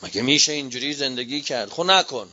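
A man with a Persian accent from Qom, a cleric preaching a fiery sermon, swinging from quiet reasoning to shouted rhetorical appeals. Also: medium pitch, expressive. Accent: Iranian Persian, Qom. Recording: dull lo-fi recording.

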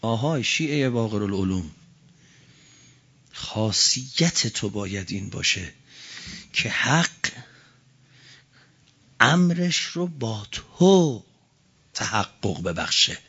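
A man's voice: on the low side, animated, slightly rough. Fiery male preacher, lo-fi. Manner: fiery oratory, swinging from quiet to shouting; chants Arabic quotations slowly. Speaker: cleric preacher. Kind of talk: religious sermon.

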